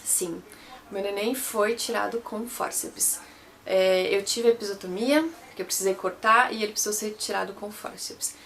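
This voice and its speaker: A woman's voice: medium pitch, fairly even intonation, normal speed, vocal fry, a bit bright, a little hiss or hum. A young Brazilian woman telling her own story to camera in a chatty way, often repeating and correcting herself. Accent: Brazilian Portuguese. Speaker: vlogger.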